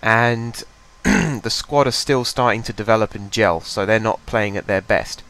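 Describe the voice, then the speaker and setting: The recording is rough as a congested young gaming channel host, nursing a head cold, chats through his own game at his home desk mic, rambling and thinking out loud. He sounds unhurried, with a voice on the low side and a fairly bright tone.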